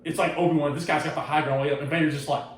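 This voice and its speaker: A man's voice: on the high side, very fast, slight background noise. A man hosting a casual podcast, retelling a story with lots of swearing and laughter. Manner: profane, excited retelling, laughs often. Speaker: podcast host. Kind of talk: casual chat. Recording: roomy echo, distant mic, faint ambience.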